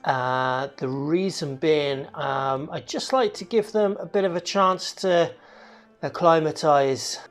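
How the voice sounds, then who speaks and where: A homebrewer hosting a how-to channel, talking through each step in a relaxed, explanatory way with plenty of ums and uhs. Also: mid-range voice, slow, faint music behind. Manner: relaxed, explanatory, many fillers. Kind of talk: casual how-to narration.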